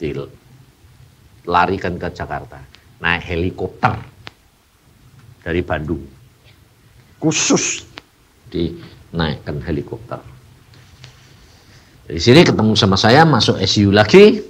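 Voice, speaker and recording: Animated man preaching. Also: deep voice, slow pace, pauses often, husky. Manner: animated, swinging between hushed and loud, acting out voices in his story. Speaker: evangelist preacher. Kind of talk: sermon with personal storytelling.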